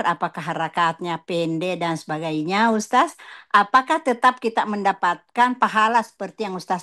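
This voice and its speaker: A woman's voice: fairly low pitch, fairly bright tone. A woman from Makassar calling into an online religious study session, asking questions politely and deferentially. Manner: polite, deferential, repeats her thanks. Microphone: online call.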